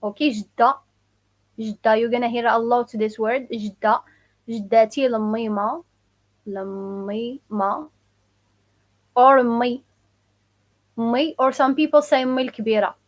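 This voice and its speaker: Lady doing a live language lesson, kinda high voice, says words over and over for viewers. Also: fairly even intonation. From Morocco. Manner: casual, repeats phrases slowly for learners; answers viewer questions. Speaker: Moroccan Arabic teacher.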